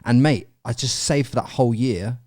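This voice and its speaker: A young man tells a long story in casual talk, swearing freely and breaking into laughter. His voice sits at a middle pitch, close and dry with no room sound. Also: moderate pace, a little mellow, dry recording. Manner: swearing, laughing often, quoting himself. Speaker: podcast guest.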